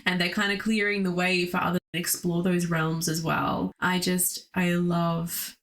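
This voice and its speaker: Chatty woman with a lowish voice. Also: little pitch movement, moderate pace, a bit bright. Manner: enthusiastic, frequent laughs and fillers. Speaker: podcast co-host. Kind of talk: casual astrology chat.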